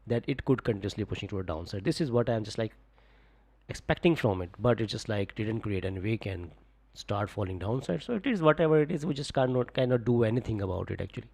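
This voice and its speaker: Fast-talking and creaky, this young forex streamer has a low, slightly rough voice. On his casual live stream he reads out viewer comments, talks through trades, and coaches viewers, saying "just, like" again and again in a relaxed way.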